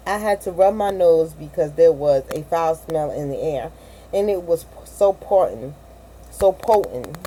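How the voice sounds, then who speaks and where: A woman's voice: lowish voice, mellow, slight background noise, poor audio. A woman reading a novel aloud in an amateur audiobook style, often stumbling, correcting herself and adding asides. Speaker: reader of a novel.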